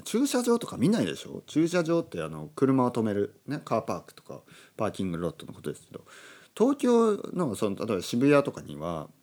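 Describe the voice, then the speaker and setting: A man from Oita, Japan, hosting a relaxed solo talk for learners, explaining slowly and glossing words in English. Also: mid-range voice. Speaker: podcast host. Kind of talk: casual monologue for Japanese learners. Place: indoors at a table.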